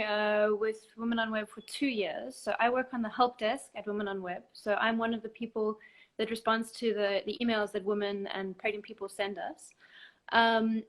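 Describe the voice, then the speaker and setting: A woman, a guest counsellor explaining procedures calmly and step by step in a live online chat. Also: a little high. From South Africa. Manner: calm, methodical step-by-step explaining. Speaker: abortion help desk counsellor, guest expert.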